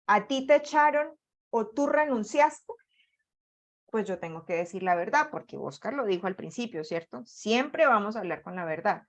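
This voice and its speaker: A Colombian woman with a Colombian accent leading an online workshop on job interviews, speaking with lively, deliberately varied intonation. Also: mid-range voice. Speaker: workshop facilitator.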